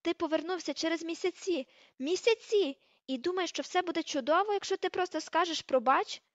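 A woman reading an audiobook, voicing a furious, sharp-tongued teenage girl witch who shrieks and scolds. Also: fairly quick, dry recording. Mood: furious shouting. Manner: shrill, shouting, scolding. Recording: slightly dull, dry recording.

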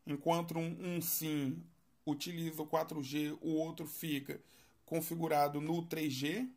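A man casually reviewing a smartphone for his vlog, talking in a chatty, halting way with frequent tag questions. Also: fairly high pitch, flat delivery, darkish tone. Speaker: tech reviewer.

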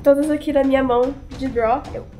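High-voiced young Brazilian woman. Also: fairly even intonation, brisk, warm tone. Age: young adult. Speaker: player in a tabletop game. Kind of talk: casual game-table chat. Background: prominent background music.

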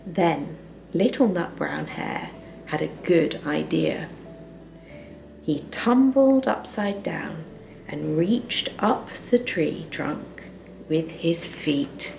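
Slow, creaky-voiced woman reading a bedtime story. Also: deep voice, lively intonation, a little mellow, faint music behind.

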